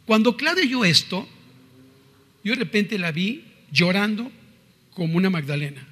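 A middle-aged man with a Mexican Spanish accent giving a personal faith testimony in an earnest, conversational way, moving between quiet and emphatic moments. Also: high voice, lively intonation, moderate pace, breathy edge, big-room sound. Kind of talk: testimony talk.

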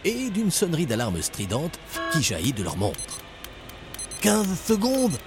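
Expressive male storyteller over music. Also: mid-range voice, moderate pace. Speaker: narrator. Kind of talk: scripted narration of a children's story.

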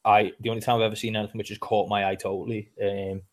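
A low-pitched man speaks quickly and flatly in a Liverpool accent. He's an English podcast co-host, spinning stories in a casual, chatty conversation and swearing every so often.

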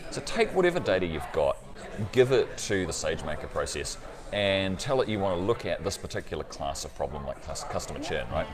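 On a crowded conference floor, a man from a cloud company partner walks an interviewer through technology, ending many sentences with "right?" His low voice is sing-song and brisk, with crowd noise behind him.

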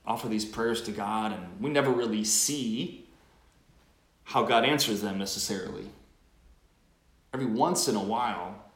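A man with a fairly low voice speaks as a priest at Mass. His delivery is reflective, and the sound rings with a cathedral-like church echo. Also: fairly bright tone. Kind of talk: Mass Gospel reading and homily.

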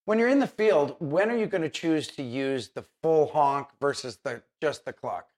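A man's voice: fairly high pitch, moderate pace, a little mellow. A man hosting a casual how-to interview in an encouraging manner. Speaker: host.

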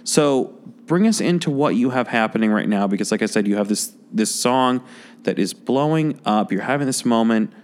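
A man hosting a podcast interview, chatty and relaxed with dry sarcasm. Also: mid-range voice, moderate pace. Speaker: podcast host; college instructor. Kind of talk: casual interview. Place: office space during an event.

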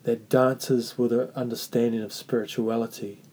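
A man with a New Zealand Māori accent hosting a reflective faith talk, speaking earnestly and haltingly with repeated phrases. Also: mid-range voice, level tone, mellow, husky. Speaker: podcast host.

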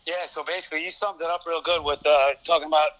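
Podcast guest, male, thick Brooklyn accent, forceful higher-pitched voice, conversational interview delivery. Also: steady tone, fast, rough recording. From Brooklyn, New York. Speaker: podcast guest, fantasy sports show host.

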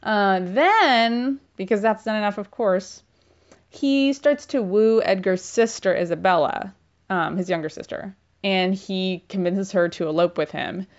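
A woman's voice: medium pitch, a little slow. A young woman gives a casual book summary in a chatty, irreverent voice. She leans on filler words and slang. The recording sounds slightly dull and lo-fi.

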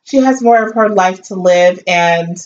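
Speaking a little slowly at medium pitch, this New York-accented co-host gets blunt and profane while casually discussing a reality show, staying animated throughout. The audio is distant and dull under a faint hiss.

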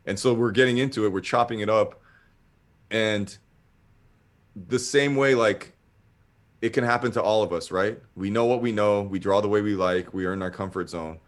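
His voice sits on the low side, with a moderate pace and long pauses. He's casually telling a long, rambling story, swearing and acting out what others said with animated quotes.

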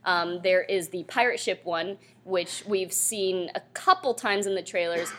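Her voice sits on the low side and she speaks a little slowly, with a slight hiss or hum audible. Holding a handheld mic, the young woman co-hosts a podcast at a live convention panel, rambling casually with frequent fillers and laughs.

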